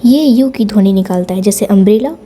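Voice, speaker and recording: A woman giving a patient language lesson, repeating each sound slowly to demonstrate. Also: medium pitch, warm tone, breathy edge. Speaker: language teacher on her own channel. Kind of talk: slow explanatory lesson, mixing Hindi and English.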